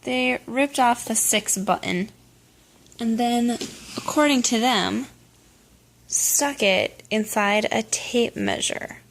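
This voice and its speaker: Chatty young mom with a gravelly fry. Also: female voice, on the high side, takes it slowly, fairly bright tone, slight background noise. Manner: upbeat, chatty, instructive. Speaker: mom vlogger. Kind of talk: casual vlog chat and parenting tips.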